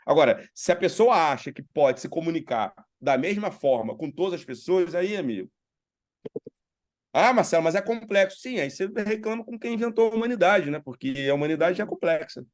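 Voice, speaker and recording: A middle-aged man, a guest in an interview, telling anecdotes in a lively way and acting out the dialogue, his voice congested from sinusitis. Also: fairly high pitch, brisk, hardly any pauses. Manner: animated storyteller, acts out quoted dialogue. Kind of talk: storytelling in a casual interview.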